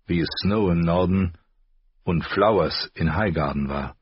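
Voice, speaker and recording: A man narrating an audiobook with a steady, measured reading. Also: low-pitched, slightly rough, no room sound. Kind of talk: scripted narration. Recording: slightly dull, dry audio.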